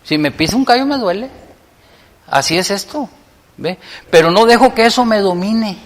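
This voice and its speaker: A man, preaching a sermon as pastor, moving between loud appeals and hushed prayer. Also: sits high, long reverb tail.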